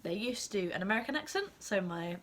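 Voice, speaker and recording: A young woman with an English accent, sick with a cold, chatting casually to camera with many ums and soft half-whispered asides. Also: medium pitch, lively intonation, brisk. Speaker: assistant language teacher and vlogger.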